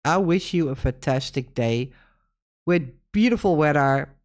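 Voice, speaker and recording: A Dutch woman talks through a reaction video in a relaxed, unhurried way. Her pitch swings widely as she laughs and fires off disbelieving questions. The delivery stays casual and conversational. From Netherlands. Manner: animated, laughs often, incredulous rhetorical questions. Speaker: reaction channel host.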